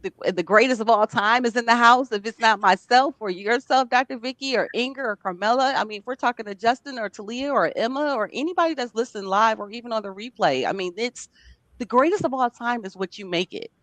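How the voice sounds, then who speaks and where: A woman's voice: a little high, brisk, a bit bright, dry recording. A woman hosting a casual chat, enthusiastic and motivational, calling on guests one by one. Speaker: host.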